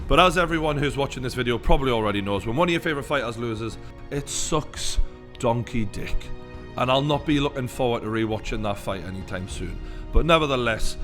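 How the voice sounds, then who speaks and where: A man with a Newcastle Geordie accent giving opinionated reaction commentary in a blunt, sweary way. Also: mid-range voice. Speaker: YouTube fight commentator.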